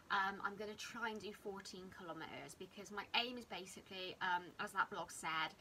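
A woman's voice: medium pitch, bright, forceful tone. Woman chatting casually, noisy recording. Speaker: running vlogger. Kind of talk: casual chat to camera. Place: living room indoors.

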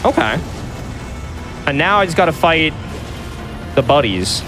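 A man speedrunning a game live offers easygoing commentary, teasing himself with playful exaggeration. He sounds on the high side, very animated but unhurried. Music and effects from the game are audible.

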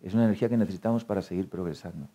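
A man giving a spiritual talk to an audience, telling lively stories, acting out quoted dialogue and laughing often. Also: sits low, rapid-fire, lo-fi sound. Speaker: speaker at a meditation talk.

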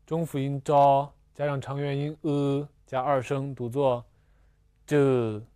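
Guy teaching a language class, super slow and patient, dark mellow voice, dry sound. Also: medium pitch, little pitch movement, clean tone, no echo. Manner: slow and patient, repeats syllables twice, fillers like "啊" and "呃". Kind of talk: slow, deliberate classroom explanation.

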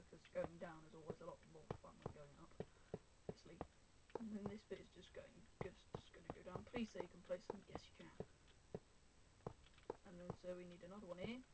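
A young host giving casual gameplay commentary, rambling with many fillers and often trailing off into mumbles. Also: medium pitch. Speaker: gaming channel host. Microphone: webcam mic. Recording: noisy, with controller clicks.

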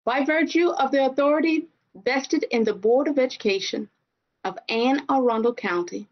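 A woman's voice: high-pitched, moderate pace, dull audio. A school board member, a woman, solemnly reading a formal declaration over a video call.

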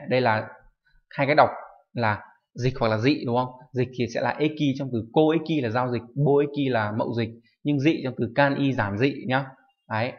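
A male teacher walks through a recorded online kanji lesson. He moves through the items at a steady pace and keeps asking brief check-in questions. His voice sits at an ordinary middle pitch, and the recording sounds a bit dull and lo-fi. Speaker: Japanese teacher.

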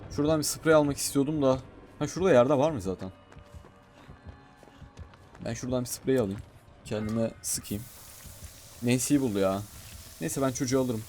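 A man commentating his own gameplay in a casual, excitable way, often shouting and talking to himself. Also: medium pitch, brisk, long pauses, soft background music. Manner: excitable, shouts and talks to himself while playing. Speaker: gaming streamer.

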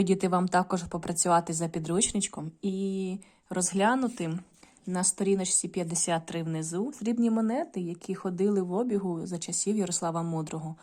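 A woman's voice: on the low side, mellow. A woman teaching a video lesson to primary school children, patient and instructive, often addressing them directly.

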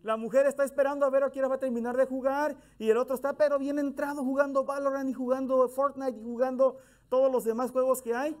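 High-pitched middle-aged guy preaching, chatty and folksy. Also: level tone, fast talker, a little mellow. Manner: conversational, folksy, acts out quoted dialogue. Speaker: minister. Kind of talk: sermon.

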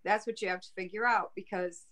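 A woman's voice: medium pitch, fairly even intonation, a little fast, a bit bright. Woman chiming in on a video call. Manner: affirming, chiming in with short agreements. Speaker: co-presenter. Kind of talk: casual chat on a video call.

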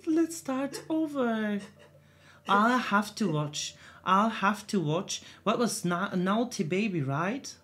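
A woman's voice: medium pitch, animated, takes it slowly, fairly bright tone. A woman hosting a reaction video, thinking aloud in short bursts and repeating words as she watches. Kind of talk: casual reaction commentary.

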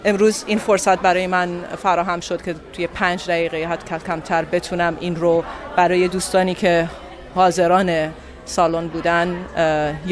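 A young Iranian woman answers an interviewer with a Persian accent. She speaks earnestly and deliberately into a handheld microphone. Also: fairly low pitch. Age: young adult. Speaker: actress being interviewed. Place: indoor venue lobby. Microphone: handheld reporter microphone.

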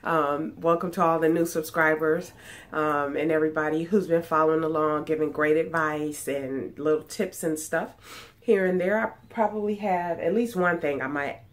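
In a small room at home, a sewing vlogger chats casually toward a webcam at desk distance, her low voice nasal and blocked up from a cold. Her intonation stays fairly even and her pace moderate. The talk wanders, peppered with ums and false starts.

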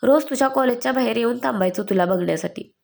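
Woman voicing a gentle, pleading young lover. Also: a little high, quick pace, vocal fry. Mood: coaxing. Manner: soft coaxing tone.

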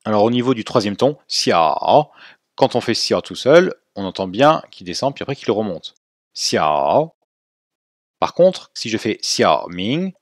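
A man teaching a language lesson, explaining clearly and slowing right down to model words for students to repeat. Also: fairly low pitch, no echo, studio quality. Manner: clear didactic explaining, slow drawn-out model pronunciations for repetition.

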